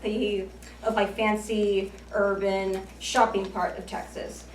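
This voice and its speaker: A woman in her late twenties from the United States delivers a prepared, self-deprecating speech with light jokes at a speaking club. Her medium-pitched voice barely moves in pitch and her pace is slow. She's recorded from far off in an echoey room, with slight background noise.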